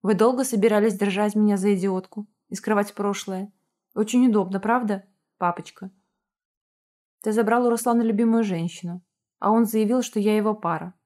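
A raging young woman screaming at her family in a storybook reading, put on by a female narrator. Her voice stays close to the reader's own, just pushed louder and more frantic. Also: medium pitch, steady tone, a little fast, lightly acted. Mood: bitter. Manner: shouting, hysterical. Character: defiant young woman, furious at her parents.

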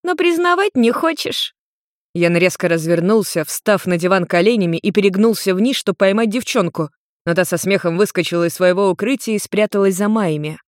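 A woman reading a fantasy story aloud as narrator, in an even, clear reading. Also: fairly low pitch, brisk, no echo, clean studio sound.

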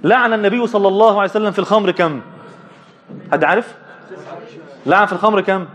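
A man with an Egyptian Arabic accent teaching a religious lesson, asking his listeners questions and answering them himself, stretching key words slowly for emphasis. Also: high-pitched, fairly even intonation, fairly bright tone.

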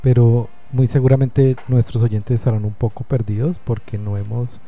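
A male radio host with a very dark, mellow timbre and a mid pitch. He asks conversational questions and restates his guest's points. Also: steady tone, moderate pace, soft background music. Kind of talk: casual radio interview hosting.

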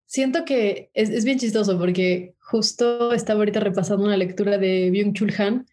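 A woman poet answers interview questions, explaining her ideas thoughtfully. Her voice is mellow and dark at a middle pitch. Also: fairly even intonation, normal speed, soft background music. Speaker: poet and guest.

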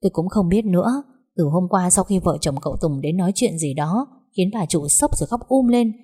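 A woman's voice: fairly low pitch, lively intonation, brisk, mellow, breathy edge. A woman voicing a polite, deferential household maid in a narrated story. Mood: worried.

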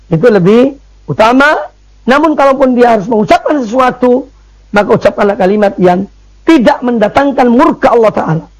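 High-pitched emphatic man preaching. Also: poor audio. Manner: emphatic, repeats phrases with frequent "ya" fillers. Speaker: Islamic preacher. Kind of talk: religious study lecture.

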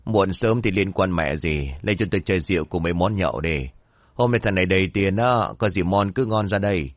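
A man voicing a drunk, violent middle-aged father who shouts crude demands and threats. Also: deep voice, a little fast, no room sound, clean studio sound, lightly acted. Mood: gruff boastful.

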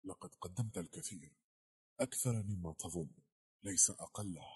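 A man voicing a composed middle-aged woman official, speaking in a measured, reassuring way in a storybook reading. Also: deep voice, dark tone, breathy edge.

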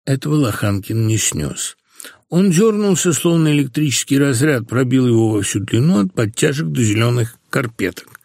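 Brief: male reader, gravelly, lively intonation, dry close sound, ironic literary narration. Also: medium pitch, moderate pace, no echo. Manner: expressive, ironic storytelling. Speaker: reader of a novel. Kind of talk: literary audiobook reading.

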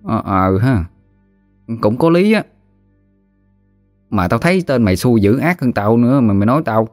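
A man's voice: medium pitch, animated, normal speed, darkish tone, faint music behind, voice pushed up, close to an everyday voice. A man voicing a chubby, joking village boy, offhand and lazy.

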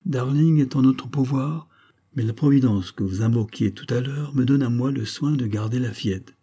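A man's voice: medium pitch, moderate pace, dark tone, breathy edge, pitched above the performer's own voice, close to an everyday voice. A man voicing a grave, formal male secret-society master in an audiobook, speaking in a solemn, ceremonious way.

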